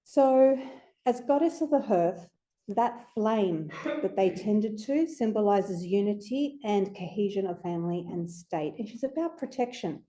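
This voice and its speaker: A woman's voice: medium pitch, lively intonation, measured pace, warm tone. A woman giving an informal lecture to a group, chatty and conversational with playful asides. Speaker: astrology speaker presenting to a group.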